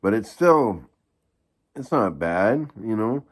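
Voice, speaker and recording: A man with a gravelly voice giving a rambling, halting, casual product review in the manner of a video blogger. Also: fairly low pitch, very animated. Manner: halting, rambling delivery with repeated false starts.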